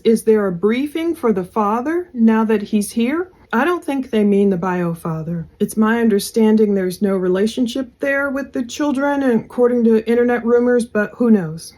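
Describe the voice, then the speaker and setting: Higher-voiced woman in casual true crime commentary. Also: darkish tone. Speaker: true crime podcast host.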